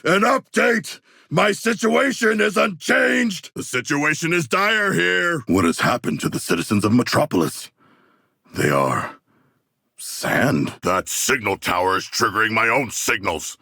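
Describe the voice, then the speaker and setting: A man voicing an earnest shark warrior demigod in a video game, speaking gravelly, grandly formal lines with literal-minded sincerity. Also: a little high, very animated, unhurried, bright, forceful tone, no echo, clean studio sound, full character voice. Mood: urgent, bellowing, then low, musing.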